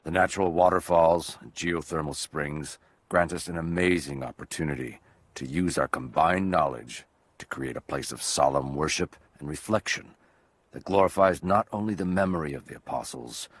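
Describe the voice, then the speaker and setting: Stately, proud male overseer; very deep, husky. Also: moderate pace, no room sound, heavily acted. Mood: solemn. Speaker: game character, founder overseer. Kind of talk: formal journal narration.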